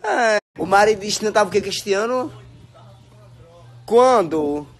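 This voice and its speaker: Man, high pitch, playful teasing vlog host. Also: animated, measured pace. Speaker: vlogger. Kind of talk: casual teasing chat. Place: rural home yard, doing laundry.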